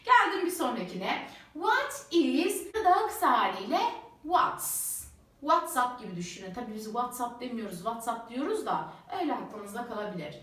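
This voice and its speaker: A woman teacher walking through the answers to worksheet questions. She slows down whenever she reads out an English sentence. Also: fairly high pitch, recorded from a distance. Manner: lively, slows down to read English sentences aloud. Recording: roomy echo, voice a bit off mic.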